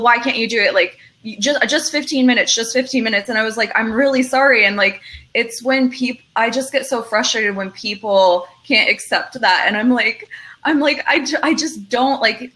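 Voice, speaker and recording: A woman's voice: on the high side, sharp tone. A woman speaking in a chatty, rambling way full of fillers as a panelist in a casual online discussion.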